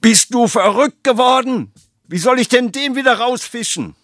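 A man voicing a flustered, inventive father who cooks soup, his voice jumping high and shrill when worked up, in a storytelling reading with acted voices. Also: big pitch swings, normal speed, no room sound, studio quality. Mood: aghast.

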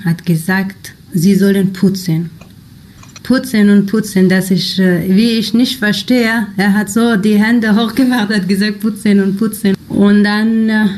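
A young woman from Afghanistan recounts her experiences for an interview. Her German is halting and hesitant, full of pauses and fillers, the speech of a non-native speaker. Her voice sits at an ordinary pitch. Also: a little mellow. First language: not German. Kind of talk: personal storytelling in an interview.

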